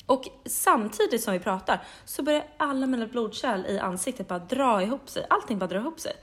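A woman co-hosting a casual podcast, telling a lively story, quoting others in animated voices, laughing and swearing casually. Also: a little high. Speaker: podcast co-host.

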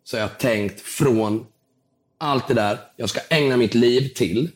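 A young guest on a podcast, his voice a bit hoarse, tells a spirited story. He brings its people to life by acting out their words with large swings in pitch.

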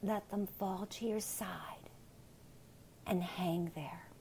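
A woman whispering soothing guided relaxation and gentle affirmations in an unhurried ASMR style. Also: on the low side, creaky, slight background noise, rough recording.

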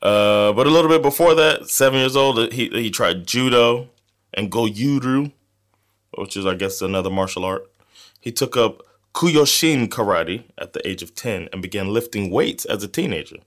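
A man's voice: on the low side, expressive, moderate pace, fairly bright tone. A man with an American accent, co-hosting a podcast and telling a story in casual, joking chat, laughing often. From United States. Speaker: podcast co-host.

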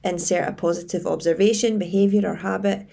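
A woman giving scripted advice as a coach, in a tidy, structured and measured way. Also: on the low side, steady tone, vocal fry, mellow, breathy edge. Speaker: leadership coach and presenter. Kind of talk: scripted advice presentation to camera.

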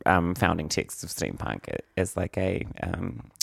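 Gravelly, sardonic New man. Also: low voice, lively intonation, fairly bright tone, no echo, studio quality. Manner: quick, wordy, sardonic. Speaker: podcast co-host. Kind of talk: casual chat.

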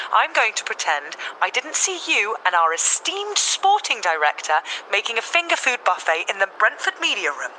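A woman's voice: mid-range voice, slight background noise, rough recording. An actress playing a furious, sarcastic woman who leaves a voicemail heard over a landline phone. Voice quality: biting, mock-calm sarcasm. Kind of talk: scripted audio comedy.

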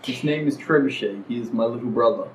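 A man's voice: medium pitch, brisk. A man playing a tabletop game, chatting playfully and speaking earnestly in character. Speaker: player. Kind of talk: casual tabletop game play. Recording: roomy, slightly dull with faint noise.

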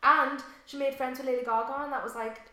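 A woman co-hosting a casual podcast chat, enthusiastic and quick to gasp and laugh. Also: sits high, fairly even intonation, pushed and bright. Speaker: podcast co-host. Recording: very echoey room.

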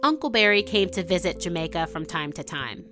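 A woman's voice: fairly low pitch, expressive, a little fast, over music. Woman narrating a documentary story. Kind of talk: scripted narration.

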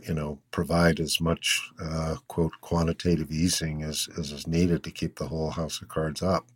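A male host with a very deep voice speaks in an unhurried way, hesitating often and leaning on fillers. The sound is close and dry. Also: slightly rough, no echo. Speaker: interview host. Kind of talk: conversational interview.

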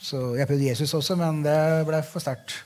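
A man's voice: a little high, flat delivery, noisy background. A man, a novelist, talking about his own book in a candid, rambling way, swearing now and then. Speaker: novelist being interviewed. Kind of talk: casual conversation.

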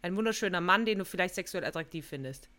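A woman's voice: on the low side, expressive. A woman with a German accent co-hosting a podcast, reacting and joking in casual chat. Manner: bright reacting listener, quick jokey comments. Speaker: podcast co-host.

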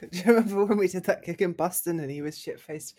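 A man, a musician, telling animated, sweary anecdotes in a casual podcast chat. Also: high voice, fast.

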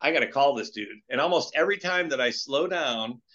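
A man in his late fifties talks earnestly and at length, letting his stories wander as he goes. His voice sits at a middle pitch. The audio is a little muffled, with a dull, lo-fi edge. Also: a little fast. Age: 50s. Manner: earnest, rambling, animated storytelling. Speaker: guest entrepreneur. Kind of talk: casual interview talk.

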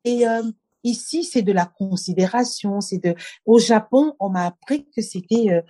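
A Cameroonian-born woman speaking with a mellow, unhurried warmth. She recites in a rhythmic cadence and talks reflectively, stopping often to search for the next word. The sound is close and dry. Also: medium pitch, no room sound. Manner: rhythmic recitation, then earnest and reflective with hesitations. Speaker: poet and guest. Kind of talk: poetry reading then conversation.

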